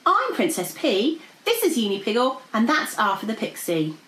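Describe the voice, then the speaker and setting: A woman's voice: fairly high pitch, wildly swooping pitch, normal speed, a bit bright, reverberant, slight background noise, pitched above the performer's own voice. A woman voicing an eager, kindly young princess in a storybook, earnest and emphatic. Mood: delighted.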